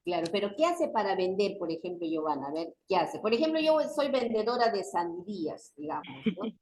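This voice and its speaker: A woman teaching an online university class, lively and often asking for agreement. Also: mid-range voice, brisk, echoey room, a little hiss or hum. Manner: animated, often asks for agreement.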